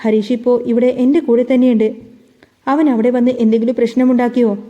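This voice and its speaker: A woman's voice: on the high side, level tone, a little fast, long reverb tail, lo-fi sound, lightly acted. A woman voicing a polite young man, an elder brother, who speaks in a trembling voice. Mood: shaken.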